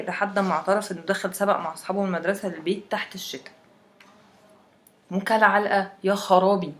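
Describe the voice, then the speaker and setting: A woman's voice: mid-range voice, close to an everyday voice. A woman voicing a wry, chatty young Egyptian woman from Alexandria who tells a friend about winter.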